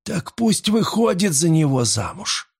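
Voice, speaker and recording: A man's voice: high-pitched, big pitch swings, unhurried, breathy edge, voice pushed up, exaggerated voice. A man doing a fearful, volatile old father. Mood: weary. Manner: outbursts of panic and pleading.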